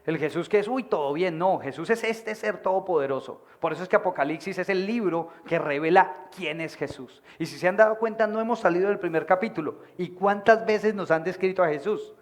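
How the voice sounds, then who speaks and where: A man's voice: sits high, fairly quick, few pauses. A man preaching a sermon to his church, projecting his voice and acting out characters in the stories. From Colombia. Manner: animated, acts out voices of people in stories. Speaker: pastor. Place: church meeting hall.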